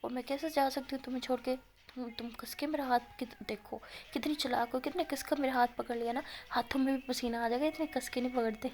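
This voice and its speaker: A woman voicing a young college student who soothes and teases her crying partner in a quick, coaxing, fond way. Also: sits high, fairly even intonation, close to an everyday voice. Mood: soothing.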